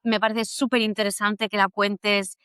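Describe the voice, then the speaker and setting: A woman from hosting a podcast interview, chatty and animated as she tells stories. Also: medium pitch, moderate pace, smooth, no echo, studio quality. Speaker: podcast host. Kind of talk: casual interview.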